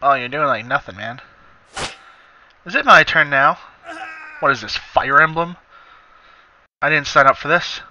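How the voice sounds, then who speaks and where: A man hosts a casual let's-play in a very bright, forward voice. His commentary is informal and loosely sweary. The recording is a little dull and lo-fi, like a home microphone. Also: on the high side, animated, measured pace, pauses often, slight background noise. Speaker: gaming video host. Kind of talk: casual let's-play commentary, reading game dialogue aloud.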